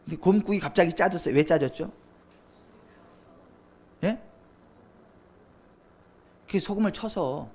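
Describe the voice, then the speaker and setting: A male pastor preaching a sermon, swinging between loud, fervent cries and quiet, low asides. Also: a little slow, pauses often, breathy edge. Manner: impassioned, swings from loud cries to near whispers. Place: church sanctuary.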